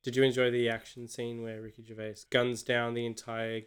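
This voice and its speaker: A man's voice: mid-range voice, little pitch movement, brisk, a little hiss or hum. A man with an Australian accent, co-hosting a casual film review chat and picking apart a movie in a sardonic, rambling way. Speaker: podcast co-host.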